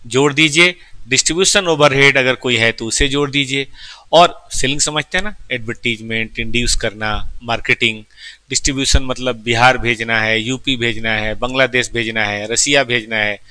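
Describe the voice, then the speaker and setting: Addressing students as "beta" with obvious affection, a man teaching a lecture class breaks down each term step by step and keeps posing questions. His voice is medium-pitched, very bright and keen, and the recording is dry and close, lacking any room echo.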